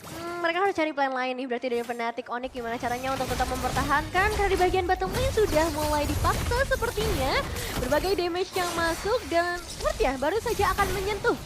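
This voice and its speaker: Female esports caster, Indonesian accent, strikingly high voice, game announcer hype and analysis over music. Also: expressive, fast. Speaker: esports shoutcaster. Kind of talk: live mobile game commentary and analysis. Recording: loud music behind.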